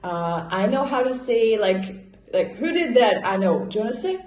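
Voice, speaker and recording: This woman's voice is fairly high yet darkish, swinging widely in pitch at a slightly slow pace. She's a native Russian speaker from Russia with a Russian accent, expressively chatting through viewers' questions in a vlog recorded in an echoey indoor room.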